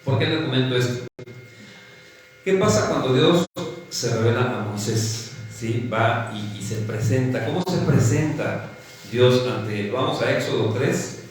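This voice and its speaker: A man's voice: mid-range voice, lively intonation, a little slow, a little hiss or hum. A man with a Mexican Spanish accent preaching a teaching sermon, who keeps checking in with his listeners by asking "¿sí?" and calls them "hermanitos". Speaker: pastor. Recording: echoey hall from a distant mic, faint ambience.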